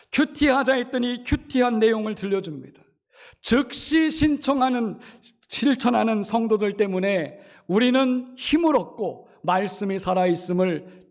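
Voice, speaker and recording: Middle-aged man, pastor delivering a sermon, high voice, rhetorical questions to the pews. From Chungcheong, South Korea. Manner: preaching with rhetorical questions to the congregation; acts out quoted lines.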